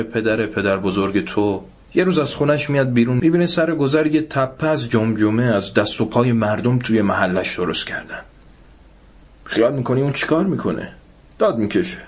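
A man voicing a grave, calm village doctor who explains things earnestly. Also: medium pitch, lightly acted.

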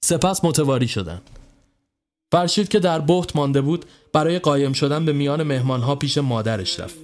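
A man narrating a scripted horror story in a measured, even storytelling voice. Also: a little high.

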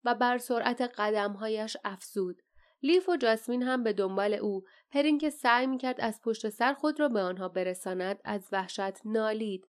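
A woman reads an adventure audiobook in a steady, dramatic storytelling manner. Her voice sits a bit higher than most women's. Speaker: audiobook narrator. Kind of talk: scripted narration.

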